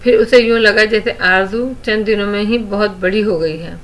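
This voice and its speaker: A woman narrates a romantic novel audiobook-style, with a bright, clear tone. Her reading is smooth and expressive, at an average pitch.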